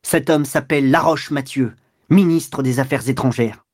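A man's voice: medium pitch, fairly even intonation, fast, a little mellow, slightly rough, no room sound, lightly acted. A vengeful husband, voiced by a male storyteller, sneers and snarls with open scorn. His delivery is aggressive and biting. The reading is close and dry. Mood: sneering anger.

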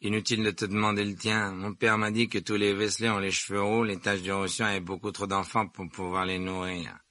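A man's voice: lowish voice, little pitch movement, brisk, sharp tone, no echo. A man voicing an arrogant, contemptuous rich boy who drawls his insults. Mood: sneering.

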